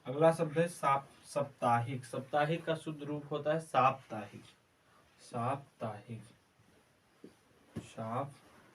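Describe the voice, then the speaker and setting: Guy teaching a class, super slow, says every word again and again, mic kinda far off. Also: medium pitch. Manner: slow, repeats each word several times while writing. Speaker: Hindi teacher. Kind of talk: exam prep lesson, word-by-word spelling drill. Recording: distant mic with faint background noise.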